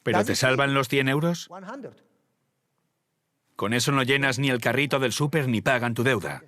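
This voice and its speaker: A man's voice: medium pitch, moderate pace, a bit bright, no room sound. A male pastor with a Spain Spanish accent preaching a sermon, telling a story and acting out its dialogue in changing voices.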